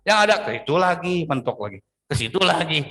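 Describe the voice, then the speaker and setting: Animated Indonesian preacher man, higher voice. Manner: animated preaching with sudden pitch swings and drawn-out words. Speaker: pastor. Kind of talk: sermon.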